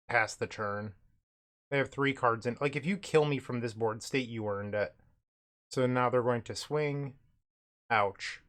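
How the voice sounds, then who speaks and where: Still getting over being sick, this card game streamer hosts laid-back commentary in a mid-range, slightly bright voice. It wavers and cracks, sometimes cutting in and out.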